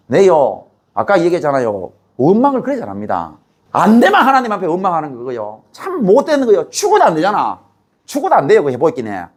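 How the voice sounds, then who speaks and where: A man preaching a sermon in a Gyeongsang Korean accent, swinging between loud outbursts and quiet, low passages. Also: slightly rough. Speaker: pastor. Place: church sanctuary.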